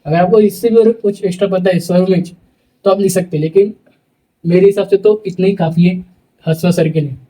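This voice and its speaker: A young male teacher giving a lecture, dictating slowly and repeating phrases word by word so students can write them down. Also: sits high, steady tone, mellow, distant mic, rough recording.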